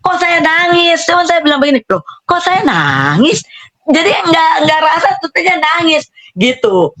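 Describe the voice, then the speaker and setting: A woman's voice: very high-pitched, very animated, measured pace, fairly bright tone. A middle-aged woman, animatedly telling her own story in a casual spoken testimony and acting out the dialogue. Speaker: testimony speaker.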